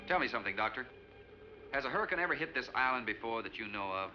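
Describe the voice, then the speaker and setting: An actor plays a plain-spoken sea captain who keeps his lines casual and dry. He talks at a brisk clip. The recording is a dull old film soundtrack with music running clearly under the dialogue. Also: mid-range voice, lively intonation, lightly acted. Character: adult male sea captain, easygoing and blunt. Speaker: boat captain. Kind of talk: 1950s film acting.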